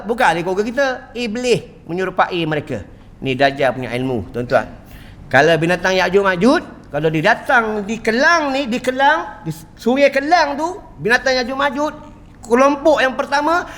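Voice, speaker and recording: High-voiced Malaysian preacher in a hall. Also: male voice, a bit bright. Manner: emphatic, repeatedly addresses listeners, humorous asides. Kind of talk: sermon. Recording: long hall reverb.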